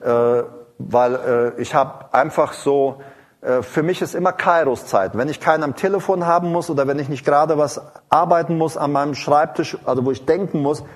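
A man's voice: fairly high pitch, normal speed. A man preaching an informal sermon in a rambling, digressive way, with many fillers and restarts, breaking into sung praise and tongues between sentences.

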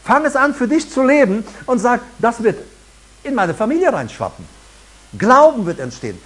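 Middle-aged male pastor, husky voice, sermon delivery with big swings of pitch. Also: sing-song, moderate pace, a bit bright. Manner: preaching emphatically with rising and falling delivery.

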